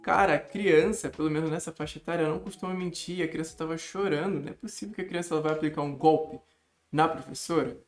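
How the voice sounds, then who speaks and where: A young man talking casually to camera as a study coach, animated and emphatic, often calling the viewer "cara". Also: fairly high pitch, fast, faint music behind.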